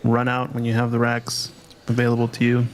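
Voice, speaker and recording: A man's voice: medium pitch, completely flat delivery, fairly quick. A man doing live play-by-play commentary on a pool tournament, chatty and asking his co-host questions.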